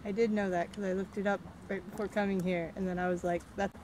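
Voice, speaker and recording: A young woman chatting casually with a friend outdoors, dry and low-key with wry asides. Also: level tone, fast, a little mellow, slight background noise. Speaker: friend along on a vlog. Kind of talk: casual chat. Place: outdoors in a windy botanical garden.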